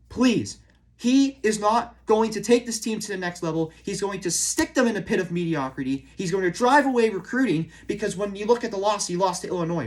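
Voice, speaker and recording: Exasperated man on a sports fan rant. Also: high voice. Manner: exasperated, emphatic, repetitive for emphasis. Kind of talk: opinionated rant to viewers.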